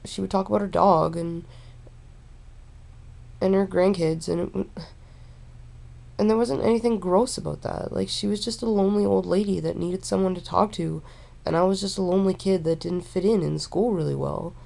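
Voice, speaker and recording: Young woman vlogger, low gravelly voice, dark and mellow, meandering stoned monologue. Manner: meandering, halting, with frequent fillers and restarts; relaxed, stoned drawl. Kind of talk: rambling casual monologue to camera.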